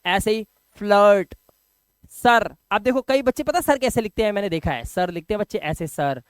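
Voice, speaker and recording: A man's voice: sits high, sing-song, brisk, clean tone, no room sound. A man teaching an English lesson and speaking emphatically. He repeats each word and keeps asking the viewer questions. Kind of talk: spoken classroom lesson.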